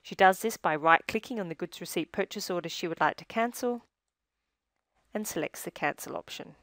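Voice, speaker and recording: Her fairly low voice carries a scripted software tutorial, delivered in a measured, instructional manner. The close-miked voice-over has no room sound.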